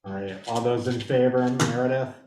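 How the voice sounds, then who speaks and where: A man chairing a town planning board meeting, calling votes in a slow, procedural way. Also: mid-range voice, steady tone. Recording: echoey room with background noise.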